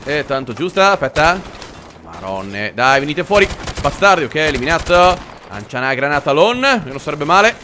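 A man, giving excitable, jokey let's-play commentary as he plays a war game. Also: a little high, moderate pace, slight background noise. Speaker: gaming commentator. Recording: game gunfire behind.

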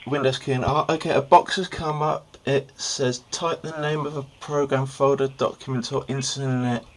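A man's voice: medium pitch, fairly even intonation, normal speed. A man in his thirties talking casually, with noise on the recording. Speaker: video maker playing along as call recipient. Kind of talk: casual talk and phone conversation. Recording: clear background noise and clicks.

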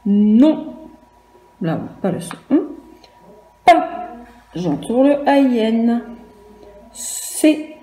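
Slow, patient woman teacher spelling aloud. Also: on the high side, sing-song, dark tone. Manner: patient, spells words out letter by letter. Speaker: primary school teacher. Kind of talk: slow, clearly articulated spelling lesson for young children. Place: room at home for a virtual class. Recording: echoey room with faint background noise.

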